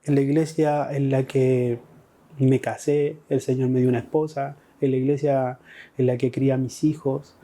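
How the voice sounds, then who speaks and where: A man's voice: medium pitch, flat delivery, normal speed, mellow. A middle-aged man with a Chilean Spanish accent, telling his personal faith testimony with emotional, repeating phrases. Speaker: testimony speaker.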